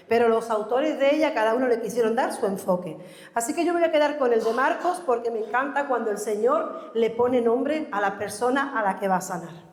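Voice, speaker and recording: A woman preaching a fervent sermon to her church, voicing the crowd and the blind man as she retells the story. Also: a little high. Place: church hall. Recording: echoey hall reverb, church mic, soft music behind.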